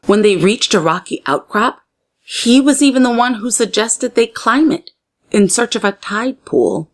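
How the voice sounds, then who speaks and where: A woman reads a children's story aloud as a storyteller, her phrasing expressive and deliberate for young listeners. Her voice is a little high.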